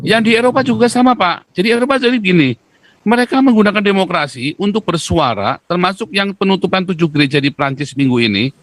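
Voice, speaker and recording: A man speaking as a guest commentator in a talk-show discussion, emphatic and lecturing, with sudden jumps in pitch. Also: lively intonation, fast, fairly bright tone, no echo.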